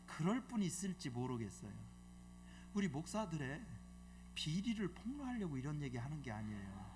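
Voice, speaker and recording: A man's voice: a little high, background noise. A middle-aged man preaching a revival sermon in a church, telling a story in a colloquial, joking way and quizzing the congregation with questions. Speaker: guest preacher, bishop. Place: church sanctuary.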